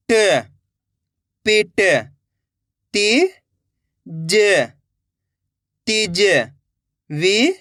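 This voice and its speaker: A man's voice: high voice, pushed and bright, smooth, no room sound, studio quality. A man teaching children's reading, sounding out each syllable and then blending it into the word, encouraging his viewers as friends. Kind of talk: slow syllable-by-syllable reading lesson.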